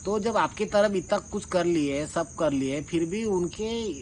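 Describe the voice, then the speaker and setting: This is an informal spoken rebuttal from a man whose high voice moves a little slowly. He's confrontational and accusatory, airing a grievance in everyday language. The recording is rough, with clear insect-like chirping in the background.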